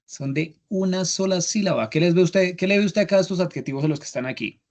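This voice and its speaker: A young English instructor with a high, slightly mellow voice talks quickly while explaining grammar in an online class. He patiently repeats every step and checks that his students are following.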